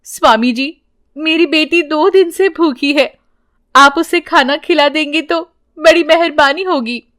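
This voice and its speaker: A woman's voice: sits high, a little slow, a bit bright, voice pushed up. A woman voicing a poor, frightened young mother in a storybook, speaking in a pleading, tearful way. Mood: grateful. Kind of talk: storybook character voice.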